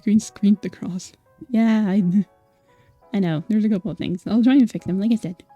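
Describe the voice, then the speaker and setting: Mellow-voiced woman chatting on stream. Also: mid-range voice, normal speed, no room sound, lo-fi sound, soft background music. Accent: mostly American-sounding, Scottish origin. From Scotland. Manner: chatty, apologetic, many fillers. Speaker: vtuber streamer. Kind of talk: casual livestream chat.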